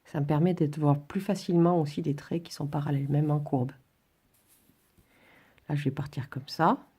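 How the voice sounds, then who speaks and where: A woman's voice: sits low, steady tone, moderate pace, dark tone, breathy edge. A woman instructor giving an informal drawing and relaxation tutorial, demonstrating as she talks in a hesitant, stop-and-start way. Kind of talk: informal spoken tutorial, demonstrating while talking.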